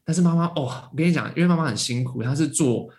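A man's voice: a little high, very fast, darkish tone. A man telling a story in casual conversation, with many fillers and restarts, acting out the voices of the people in it. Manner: acts out quoted voices of parents. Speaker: podcast guest.

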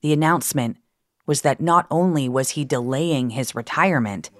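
A woman's voice: rumbling low, normal speed, dry recording, clean studio sound. A woman hosting and narrating a true crime podcast in a scripted style.

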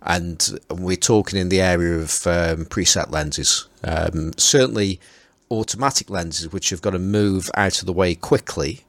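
A man's voice: low-pitched, measured pace, no room sound. A man with a Stoke accent in a casual chat, speaking hesitantly and qualifying what he says. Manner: hesitant, qualifying his statements. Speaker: panelist discussing vintage lenses.

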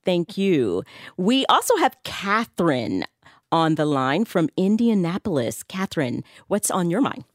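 A woman's voice: on the low side, big pitch swings, unhurried, no room sound, clean studio sound. A woman hosting a radio call-in show, affirming and encouraging the callers. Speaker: radio host.

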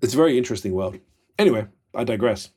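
A man's voice: lowish voice, expressive, racing, a little mellow, breathy edge. A man hosting a casual podcast, talking in slang and swearing freely. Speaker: podcast host. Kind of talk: casual profane podcast chat.

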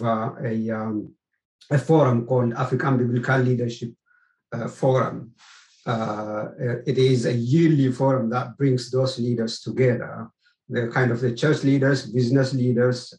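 A middle-aged man from Ethiopia, a theology researcher answering interview questions in a measured, halting way. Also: medium pitch, darkish tone. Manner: measured, halting, searches for words. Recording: roomy echo.

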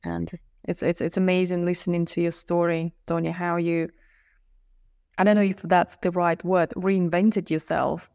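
A woman's voice: on the low side, little pitch movement, normal speed, darkish tone, smooth, dry recording, clean studio sound. A woman hosting a podcast interview, speaking hesitantly with stumbles and restarts. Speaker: podcast host. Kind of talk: interview conversation.

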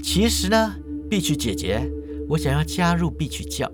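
A man voicing a catty, boastful young male student with a shrill, bragging delivery. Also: very animated, normal speed, music in the background. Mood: wheedling.

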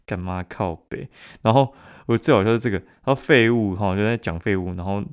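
A man with a Taiwanese Mandarin accent talks casually on his solo podcast. His voice sits very low and deep. He is blunt and full of swearing, and he laughs at his own stories. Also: brisk, clean tone. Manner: bursts louder and higher when mimicking others. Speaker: podcast host.

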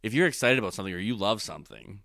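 A man with a somewhat low voice talks loosely about a classic novel, using plenty of fillers and perking up when he acts out quotes. The sound is dry and close to the mic. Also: very fast, gravelly, dry recording. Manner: conversational, animated when quoting. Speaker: discussion co-host. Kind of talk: casual literary discussion.

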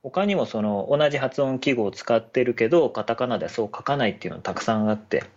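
A man's voice: medium pitch, expressive, quick pace, darkish tone. A man chatting casually and politely on a podcast, often laughing. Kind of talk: casual chat. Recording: dull lo-fi audio.

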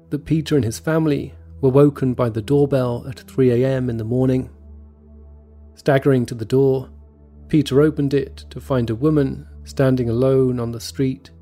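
A man tells a scripted true story in a steady, measured way. His voice is dark and warm, with a gravelly edge. Faint music plays beneath his narration. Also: medium pitch. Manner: measured, even storytelling delivery. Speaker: podcast narrator. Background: faint background music.

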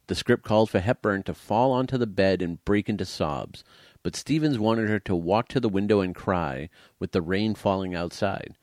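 Low-voiced man reading film trivia. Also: moderate pace, darkish tone, no room sound. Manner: dry, teasing, reads trivia aloud. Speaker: podcast co-host. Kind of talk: casual chat about old movies.

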